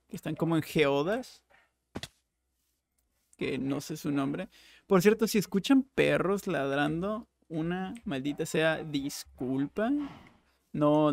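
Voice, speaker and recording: A young man giving casual, jokey Minecraft let's play commentary, with bursts of excited exclaiming. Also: on the high side, gravelly. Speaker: gaming YouTuber.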